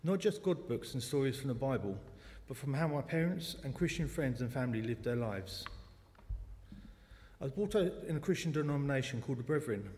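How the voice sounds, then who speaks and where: A man in his forties with a South London accent gives a personal testimony from a church front, chatty and quick to joke at his own expense. His voice sits at an ordinary pitch for a man and carries a long reverb from the church hall. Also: darkish tone. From South London, England. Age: 40s. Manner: chatty, self-deprecating jokes. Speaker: lay speaker at a church service.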